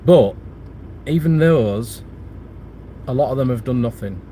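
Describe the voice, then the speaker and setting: A middle-aged property channel host with a cold and chest infection chats through viewer comments on a livestream. His medium-pitched voice is warm and animated at a measured pace, though he rambles with frequent restarts and fillers. Slight background noise can be heard.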